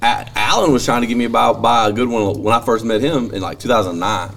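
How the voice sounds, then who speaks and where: A man's voice: mid-range voice, fast, gravelly, crowd noise. A man with a Southern US accent in casual, joking fight-gym banter on a podcast. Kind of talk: casual locker-room banter.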